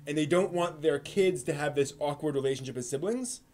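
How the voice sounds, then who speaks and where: A man hosts an anime live stream, casually discussing things and answering chat while thinking out loud with many restarts and fillers. His voice is fairly high-pitched and fairly quick, with a darkish tone.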